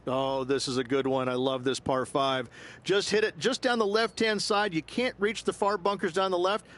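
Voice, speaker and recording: Higher-voiced male golf commentator. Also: normal speed, a bit bright. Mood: enthusiastic, advising. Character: enthusiastic, knowing male golf analyst. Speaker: golf analyst. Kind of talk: conversational golf commentary in a video game.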